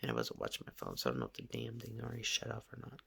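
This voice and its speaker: A woman's voice: a bass voice, racing, vocal fry, breathy edge. A middle-aged woman speaking candidly and emotionally into her phone at home, as a confessional vlogger. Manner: emotional, swinging between animated venting and tearfulness. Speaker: vlogger and mother. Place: living room of a small house.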